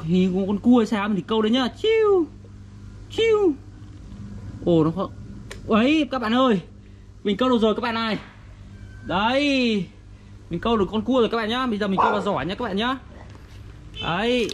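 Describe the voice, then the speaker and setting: A man with a northern Vietnamese accent vlogs casually for young children beside a garden fish pond outdoors, doing a show-and-tell and speaking simply and repetitively as though to a toddler. His voice is high-pitched, and there's a little hiss or hum.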